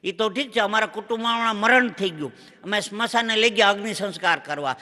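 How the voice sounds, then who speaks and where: A stand-up comedian on stage in a large hall tells a string of Gujarati comic stories to a live audience, his voice ringing with the hall's long reverb. The voice is male, high, very bright and forceful, with a lilt and a fairly quick pace. He's a punchy joke-teller who slips into bits of dialogue as he goes.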